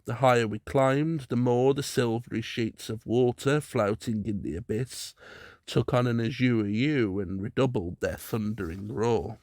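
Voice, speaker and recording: A man reading a classic story aloud in a measured storytelling voice. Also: medium pitch, a little mellow, no room sound, clean studio sound. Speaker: audiobook narrator. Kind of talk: scripted story narration.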